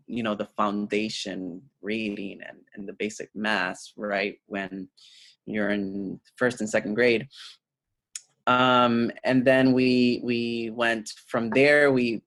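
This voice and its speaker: A middle-aged man from Puerto Rico, an educator guest talking casually in an interview, pausing often with fillers and restarts. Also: fairly low pitch, a bit bright, dry recording. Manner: hesitant, many fillers and restarts.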